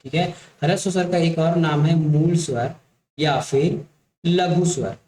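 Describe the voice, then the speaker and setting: A man's voice: on the high side, mellow, a little hiss or hum. A man teaching grammar in an echoey room. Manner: explains slowly, repeats points and keeps checking with listeners. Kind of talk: exam-prep grammar lesson.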